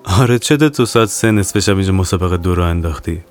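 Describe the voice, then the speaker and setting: A man's voice: sits low, expressive. A man voicing a lonely, cynical young woman in an audio horror story, with a dry, teasing, matter-of-fact manner. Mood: mocking.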